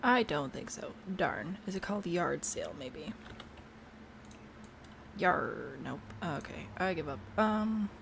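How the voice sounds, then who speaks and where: A woman's voice: lowish voice, animated, takes it slowly, creaky, noisy background. A woman chatting casually to herself while she builds in a video game, bubbly and prone to trailing off mid-thought. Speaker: game streamer.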